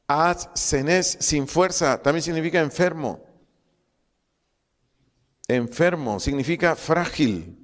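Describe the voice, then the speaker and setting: A man's voice: on the high side, lively intonation, slow pace, long pauses, in a large hall. A man teaching a Bible study, asking questions and answering them himself, repeating key phrases and spelling out Greek words.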